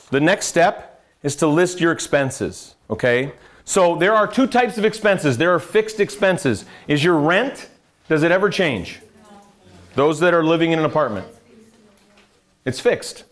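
A middle-aged American man, a financial adviser, giving a live classroom lecture with a conversational manner, quizzing the room and dropping dry sarcastic asides. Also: on the high side. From United States. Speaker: financial adviser teaching a seminar.

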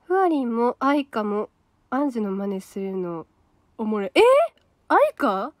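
A woman's voice: medium pitch, expressive, normal speed, dry recording, studio quality. A young woman with a Kansai accent, hosting a solo livestream and chatting casually as she reacts to viewer comments aloud. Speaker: idol trainee livestream host.

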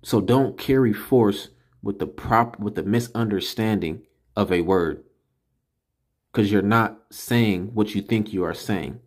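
A man with a Californian accent teaching a spoken Hebrew pronunciation lesson, emphatic and repeating syllables slowly. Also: lowish voice.

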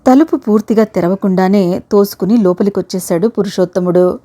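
Woman reading a short story aloud, steady audiobook narration, normal pitch. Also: brisk.

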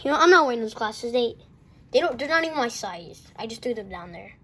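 A hot-headed male echidna plush, played by a woman in a homemade toy adventure. The voice sits high and breaks into dramatic shouts and wails. Boastful and quick to get upset. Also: animated, heavy background noise. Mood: stubborn.

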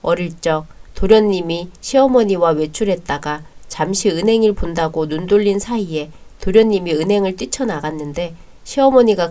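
A woman voicing a polite, caring young bride-to-be who speaks softly and also narrates. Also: lowish voice, natural voice. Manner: polite and soft-spoken.

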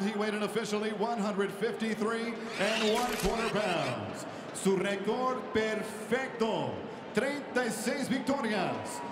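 A man ring-announcing a fight in a booming, theatrical lucha libre style, over an arena PA. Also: heavy background noise. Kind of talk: theatrical bilingual ring announcing with drawn-out name calls. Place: boxing ring in a large indoor arena. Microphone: handheld microphone over arena PA. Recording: echoey PA in loud, crowded arena.

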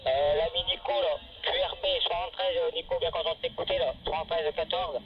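A man's voice: on the high side, wildly swooping pitch, a little fast, gravelly, faint music behind. A man chatting casually over walkie-talkie radio as an amateur operator, using call signs and jargon. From northern France. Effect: heard over walkie-talkie radio. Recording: muffled, noisy two-way radio transmission.

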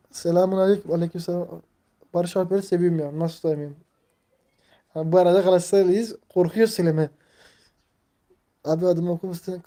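A young man in his twenties hosts a casual live stream, talking in a mellow, soft-edged tone. He rambles, leans heavily on fillers and reads the chat aloud as he goes. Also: high voice. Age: 20s.

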